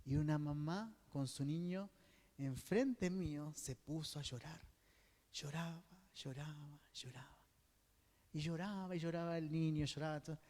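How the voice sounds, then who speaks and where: In a long, reverberant hall, an Argentine man with a fairly high, mellow voice teaches a religious course at a normal pace. He is a diocesan coordinator with a preacherly delivery who keeps checking in with the group by asking "¿Sí?" and answers the questions he puts to them himself.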